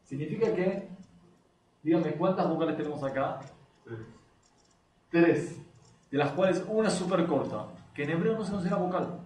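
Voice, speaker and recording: A man leads a lesson on a religious text. He reads a passage, then breaks it down and questions his listeners. His voice sits somewhat high, and a faint hiss runs under the recording. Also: moderate pace, pauses often, a little mellow. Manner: reads passages aloud then explains them, asks the class questions. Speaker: rabbi teaching a text.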